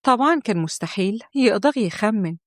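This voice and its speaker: A woman with an Egyptian accent narrating a long family story in a steady storytelling manner. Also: mid-range voice, fairly quick, no room sound, studio quality. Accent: Egyptian Arabic.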